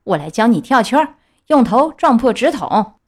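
A woman's voice: mid-range voice, sing-song, normal speed, a bit bright. Woman playing a scolding greedy circus master. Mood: mocking. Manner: scolding, sarcastic. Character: gruff greedy circus master, bad-tempered man. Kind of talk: children's storybook reading.

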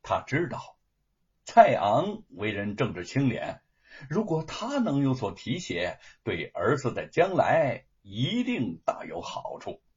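A man telling a traditional story with a lively, dramatic delivery. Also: medium pitch, takes it slowly, slightly rough. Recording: dull lo-fi recording.

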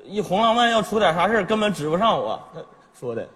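A man's voice: sits high, very animated, fast, fairly bright tone. A man performing sketch comedy, whiny and complaining. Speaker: comic actor playing a son. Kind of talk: northeastern Chinese sketch comedy.

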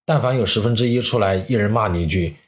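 A man chatting casually as a comedian guest on a podcast, telling stories in an animated, colloquial, joking way. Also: on the low side, fast.

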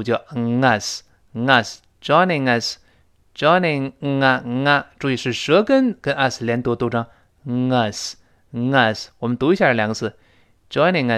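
A man's voice: mid-range voice, moderate pace, smooth. Man drilling English phrases. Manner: explains pronunciation in Mandarin with lively stress. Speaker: English teacher. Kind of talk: spoken English lesson.

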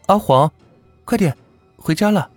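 Guy doing a high eager village kid voice, calling out loud, story reading, bouncy pitch. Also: very animated, normal speed, no room sound, faint music behind. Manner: high, bright calls. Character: eager young village boy calling his dog.

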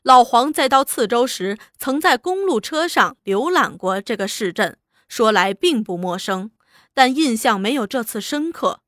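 A woman narrating a serialized novel in an expressive, lively storytelling manner. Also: on the high side, unhurried, no echo, studio quality. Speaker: audiobook narrator.

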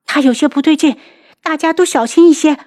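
A woman's voice: high-pitched, a little fast, a little mellow, voice pushed up, lightly acted. A woman voicing an alert young princess. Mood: urgent warning. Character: young pregnant princess, quick-witted and alert.

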